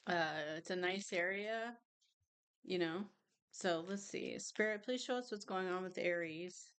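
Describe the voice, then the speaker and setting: A woman's voice: fairly low pitch, measured pace, fairly bright tone, clean tone. Chatty woman tarot reader. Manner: chatty, rambling, tastes food on camera. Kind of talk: casual chat and tarot reading.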